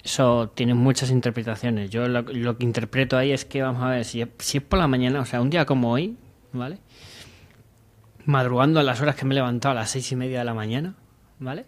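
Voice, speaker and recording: Young guy on a desk mic in a little radio studio, jokey and animated, acts out voices. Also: medium pitch, fast. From Madrid, Spain. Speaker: humor segment contributor. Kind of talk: comedic radio chat. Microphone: desk mic on stand.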